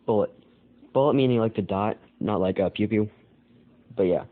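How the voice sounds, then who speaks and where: A man's voice: fairly low pitch, moderate pace. A man with an American accent, hosting his own channel, rambling through casual commentary with lots of fillers and self-corrections. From United States. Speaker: channel host. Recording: tinny phone-like sound with faint noise.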